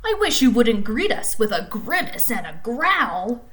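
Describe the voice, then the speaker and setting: A soft, drifting storybook jellyfish that complains gently and mildly, as a woman reads his lines. The voice stays slow and a little high, close to her own voice. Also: sing-song.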